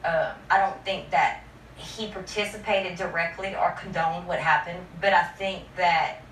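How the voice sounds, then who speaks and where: Low-pitched woman in an echoey documentary interview. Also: steady tone, a little slow, a bit bright, recorded from a distance, a little hiss or hum. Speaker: interviewee, victim's relative. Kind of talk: candid documentary interview talk.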